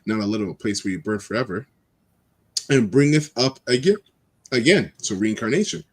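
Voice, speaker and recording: Man slowly reading scripture to an online group. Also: lowish voice, expressive, slightly rough. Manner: reads verses slowly with stumbles, then explains in casual slang. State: has hiccups. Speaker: bible study teacher.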